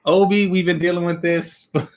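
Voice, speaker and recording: A man's voice: high voice, level tone, moderate pace. A man co-hosting a live basketball stream, giving emphatic, opinionated takes in casual slang. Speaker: co-host of a live sports show. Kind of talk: casual sports chat.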